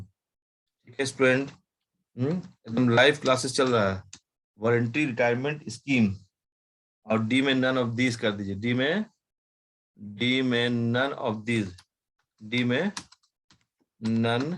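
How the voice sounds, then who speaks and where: Slow-dictating man teacher. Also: medium pitch, fairly bright tone. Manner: slow dictation, spelling words letter by letter, repeating tag questions. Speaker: commerce teacher. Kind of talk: live online class dictation.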